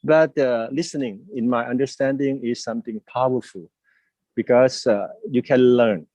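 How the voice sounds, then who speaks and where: Here an older Thai host chats casually on a live video call, speaking through an earphone mic at home near a window lined with plants. He hesitates a lot, uses many fillers, and gestures while speaking, his medium voice a little mellow in a dry recording.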